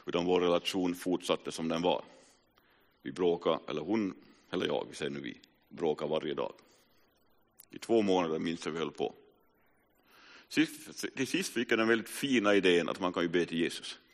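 In a reverberant hall, a man in his forties preaches a sermon of personal testimony, recounting his story with earnest feeling. His voice sits low, leaving long pauses and shifting between sudden rises and hushed drops.

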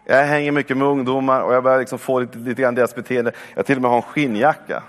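A man's voice: mid-range voice, fairly even intonation. A man in his forties preaching a sermon, exhorting his listeners with repeated calls to come on. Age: 40s. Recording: long reverb of a church hall.

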